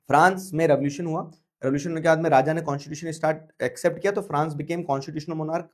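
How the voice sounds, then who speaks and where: A man teaching an online history class in a playful way, mixing Hindi with English terms and slowly repeating key phrases. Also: on the high side.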